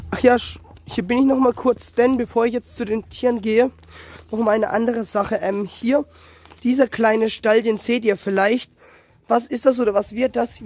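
Out in his small farmyard, a young vlogger who raises small animals films himself on a handheld phone, sounding slightly hoarse because of a cold. He meanders, corrects himself and speaks directly to the people watching, in a very high, fairly mellow voice.

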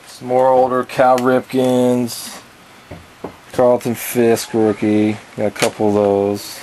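A man's voice: mid-range voice, monotone, takes it slowly, a little mellow, a little hiss or hum, low-quality recording. A young man in his twenties casually showing off his collection in a cluttered basement, rattling off items with fillers, recorded on a handheld camera. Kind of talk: casual show-and-tell.

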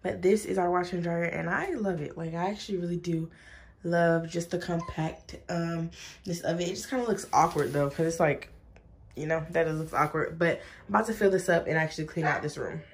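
Young woman, from Michigan, chatty home vlog, low-ish voice, phone camera audio. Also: brisk, slight background noise. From Michigan, USA. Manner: chatty, addresses viewers as y'all. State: out of breath. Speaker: vlogger. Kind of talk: casual vlog talk. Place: home, indoors.

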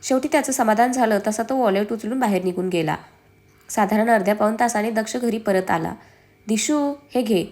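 A woman narrating a serialized family story, expressive and reading every character herself. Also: medium pitch, brisk.

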